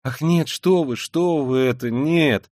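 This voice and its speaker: A man reading an audiobook, voicing a timid, pious young woman who talks in a hurried, pleading way. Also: mid-range voice, a little mellow, no room sound, studio quality, voice pushed up, lightly acted. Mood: anguished. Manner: hurried, breathless, rising into agitated pleading.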